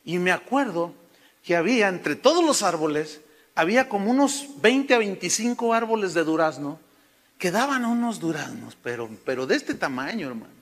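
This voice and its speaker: Male preacher, high bright voice, storytelling sermon that keeps calling listeners brother. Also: very animated, normal speed.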